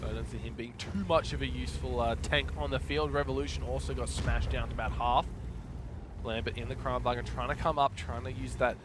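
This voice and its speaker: A man's voice: medium pitch, steady tone, a little fast, background noise. A man co-commentating a live tank esports match, casual, blunt and joking.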